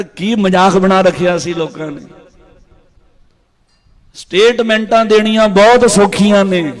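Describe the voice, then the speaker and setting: A man giving an impassioned religious speech, fervent and repetitive, rising to emphatic peaks. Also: sits high. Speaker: Sikh preacher.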